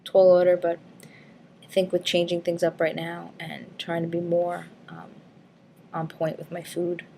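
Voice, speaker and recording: A woman vlogger talks through her week in a loose, rambling way. She is frank and casual, with plenty of ums and likes and the odd swear word. Her voice sits a little on the low side. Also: monotone, unhurried, creaky, dark tone, a little hiss or hum. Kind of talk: casual weight-loss update vlog.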